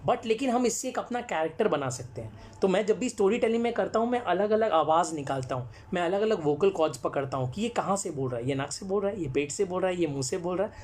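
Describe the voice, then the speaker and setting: A man's voice: fairly high pitch, a little mellow, slight background noise. A man, a storyteller and actor, speaks as the guest on a live-stream talk. He explains his craft earnestly and answers viewers' comments, slipping English phrases in among his sentences.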